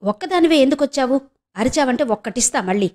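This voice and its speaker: Woman playing a young man, blunt, scolding, quick questions, high pushed voice, storybook. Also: lightly acted.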